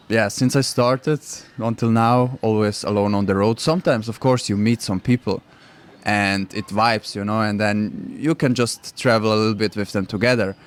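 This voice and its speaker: With a clear, resonant voice on the low side, a young Swiss cyclist of Croatian descent chats as a radio guest. He speaks English as a second language in simple terms, sounding at ease and laughing frequently.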